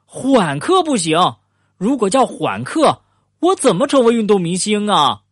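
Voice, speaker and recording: A man's voice: on the high side, sing-song, normal speed, husky, dry recording, studio quality. A man doing an eager young turtle boy. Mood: protesting. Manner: childlike, earnest and insistent.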